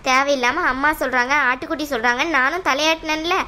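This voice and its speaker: A woman voicing a stubborn, hot-tempered younger sister in a cartoon, sharp and argumentative. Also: high voice, fast talker. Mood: defiant. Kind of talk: cartoon voice acting.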